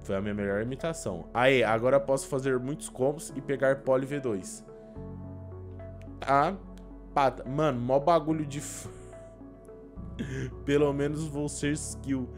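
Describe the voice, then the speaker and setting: A young Brazilian man giving casual, slangy reaction commentary as a gaming YouTuber, expressive and prone to exclaiming. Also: mid-range voice, measured pace, long pauses, soft background music. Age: young adult. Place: small indoor room at a desk.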